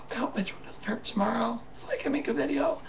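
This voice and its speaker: A woman vlogging to camera with a hoarse, rough voice, sounding tired and halting, with many fillers and soft laughs. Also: a little high, a crowd in the background. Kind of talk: casual chat to camera. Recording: muffled, slightly distant home recording.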